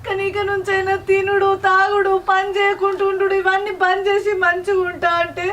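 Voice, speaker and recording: A woman's voice: very high voice, monotone, fairly quick, fairly bright tone. A woman playing a weeping, wronged young wife. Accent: Telangana Telugu. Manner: tearful, pleading. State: crying. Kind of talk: short film drama acting. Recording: distant mic.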